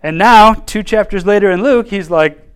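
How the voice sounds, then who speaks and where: A man teaching a Bible class in an informal, animated way, acting out quotes and laughing often. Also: sits high, moderate pace, smooth.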